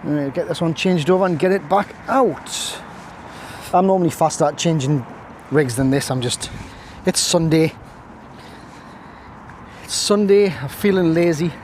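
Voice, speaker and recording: A man who vlogs about angling chats to camera at a moderate pace while fishing on a breezy riverbank, his darkish voice a little high for a man. Easygoing and rambling, he throws in jokey, self-mocking asides over a faint outdoor hum of town and traffic, occasionally stepping away from the camera on its stand.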